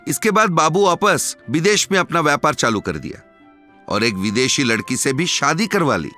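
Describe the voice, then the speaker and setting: A man narrating a cartoon story in a lively storytelling manner, ending with a moral. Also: a little high, moderate pace, soft background music.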